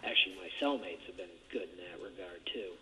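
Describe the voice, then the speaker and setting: A man's low voice comes through bright and forceful, expressive and fairly quick, even as he chats in a hesitant, rambling way. It's a casual jail phone call picked up by a telephone handset, and the recording is muffled and noisy.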